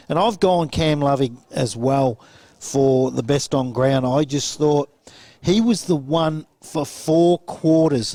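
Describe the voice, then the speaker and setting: An Australian man giving post-match football commentary, brisk and chatty as he runs through results and numbers. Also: medium pitch, dark tone, no echo.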